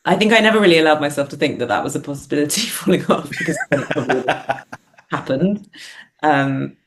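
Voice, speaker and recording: Against a noisy background, a woman who writes and performs theatre speaks fast in a low, animated voice. She's a guest in a casual interview, talking informally and hesitantly and often dropping in "like."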